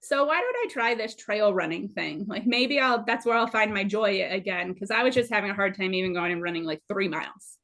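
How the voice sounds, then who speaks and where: A woman's voice: mid-range voice, animated, a little fast, hardly any pauses, a bit bright. Bubbly woman in her thirties. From Minnesota. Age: 30s. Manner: bubbly, self-deprecating, laughs at herself. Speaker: guest runner. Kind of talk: casual interview storytelling.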